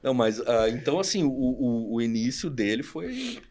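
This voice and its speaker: This podcast guest, a studio founder in his forties from Rio Grande do Sul, Brazil, has a mid-range voice, a moderate pace, and a southern Brazilian Portuguese accent. Chatting casually, he tells old stories with animated, slangy energy and plays out the quoted lines himself.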